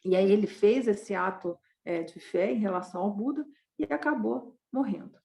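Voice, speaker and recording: A woman's voice: medium pitch, moderate pace, vocal fry, mellow. A woman giving a Buddhist dharma talk, retelling a parable conversationally and tagging many sentences with a question. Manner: conversational, constant tag questions.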